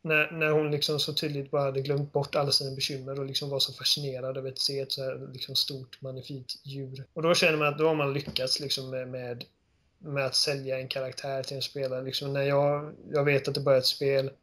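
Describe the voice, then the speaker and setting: A man co-hosting a casual game podcast, retelling scenes with animated storytelling. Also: mid-range voice. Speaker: podcast co-host. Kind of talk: casual chat.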